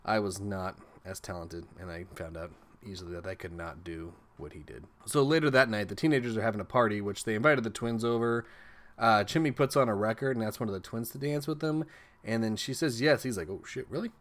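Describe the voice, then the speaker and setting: A man's voice: lowish voice, a little fast. Profane joking man recapping a film. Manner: profane, joking, sarcastic asides. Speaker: movie review host. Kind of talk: comedic movie recap.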